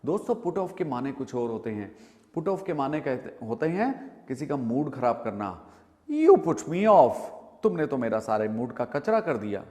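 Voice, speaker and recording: A man teaching a spoken English lesson, quizzing his viewers and saying the example sentences slowly and deliberately. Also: mid-range voice. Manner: lively, quizzes viewers with questions and answers them himself. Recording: long reverb, hall-like.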